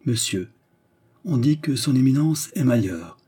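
A man reading an audiobook, voicing a scheming noblewoman who is frightened yet defiant, with a raised, pleading pitch. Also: lively intonation, measured pace, warm tone, slightly rough. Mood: anxious.

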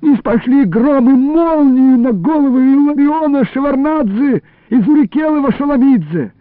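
A man voicing a cantankerous old village man who wails and curses in loud, high outbursts, on a tinny old radio recording. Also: expressive, moderate pace, no echo. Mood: wailing, pleading.

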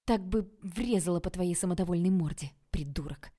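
A woman reading an audiobook, voicing a hot-tempered, sharp-tongued young woman who snaps in a raised voice. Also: lowish voice, moderate pace, close to an everyday voice. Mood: angry. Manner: snapping, raised voice.

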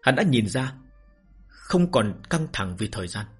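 A man, the channel's host, reading a novel aloud in a calm, measured way. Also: medium pitch, husky, soft background music. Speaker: story reader and channel host. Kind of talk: scripted novel narration.

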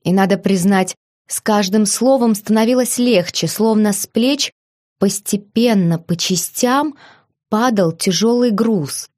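A woman narrating a first-person novel as an audiobook reader, with even, expressive reading. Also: medium pitch, unhurried.

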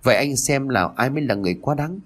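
A man voicing a spiteful, jealous schoolgirl in a read-aloud story, speaking in a sharp, taunting way. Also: medium pitch, expressive, fast, natural voice. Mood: whiny.

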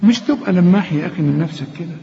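Egyptian guy teaching quran recitation, high voice, muffled lo-fi sound, corrects the student and drags words out slow. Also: lively intonation, vocal fry, slight background noise. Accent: Egyptian Arabic. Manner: corrects a student, models verses slowly and chides mildly. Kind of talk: one-on-one recitation lesson. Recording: dull lo-fi recording with long reverb.

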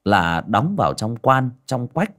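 A man's voice: mid-range voice, very animated, unhurried, a bit bright. A man narrating a comic folk story in a colloquial, earthy way. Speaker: audiobook narrator.

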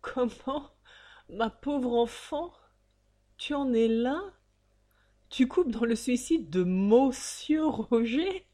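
A woman voicing a greedy, irritable older male banker who rants loudly and scornfully in a storybook reading. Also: a little high, big pitch swings, measured pace, pitched above the performer's own voice. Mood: ranting. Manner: loud, ranting and scornful.

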